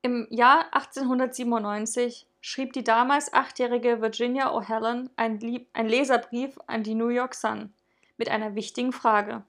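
A woman's voice: a little high, fairly even intonation, moderate pace, a bit bright. A woman co-hosting a casual chat, chatty and restarting her sentences often. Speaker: podcast co-host.

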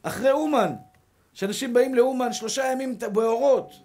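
High-voiced rousing male rabbi. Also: darkish tone. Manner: emphatic, rousing, repeats rallying calls. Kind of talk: sermon.

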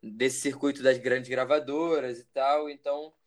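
Young man telling his story, relaxed. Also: medium pitch, unhurried. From Brazil. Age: 20s. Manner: relaxed, reflective, rambling with fillers. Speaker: musician guest. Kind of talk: casual interview.

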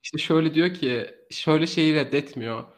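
A man co-hosting a casual true crime podcast, telling the story in an animated way and laughing often. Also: fairly high pitch, moderate pace.

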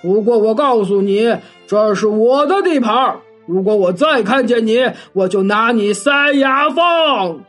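A woman voicing a huge, short-tempered male bear in a children's story, gruff and scolding. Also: a little high, animated, measured pace, hardly any pauses, faint music behind. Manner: gruff, scolding, barking orders.

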